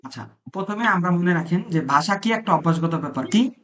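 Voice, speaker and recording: In a live-streamed classroom language lesson, a man with a high voice and lively intonation speaks fairly quickly, in a slightly bright tone. He asks his students questions and repeats their answers, and the classroom audio is dull and lo-fi.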